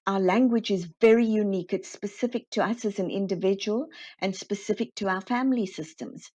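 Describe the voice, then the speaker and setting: A woman guest in an interview, explaining her work in a lively way and acting out the dialogue she quotes. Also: mid-range voice, a little fast. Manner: animated, acts out quoted dialogue. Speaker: guest, constellation facilitator. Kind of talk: conversational interview storytelling. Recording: slightly dull, muffled audio.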